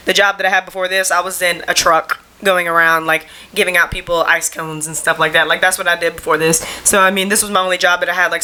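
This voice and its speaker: A young woman talks straight to her camera at home, rambling from one thought to the next. Her voice sits a little low but has a bright, forward edge, and her speech is loose, slangy and full of fillers. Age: young adult. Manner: rambling and chatty, heavy on "like" and slang. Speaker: podcast host. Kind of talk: casual solo podcast chat.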